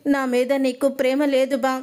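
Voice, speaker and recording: A woman reading a scheming young wife, all pleading and plaintive, high voice. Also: little pitch movement, moderate pace, darkish tone, natural voice.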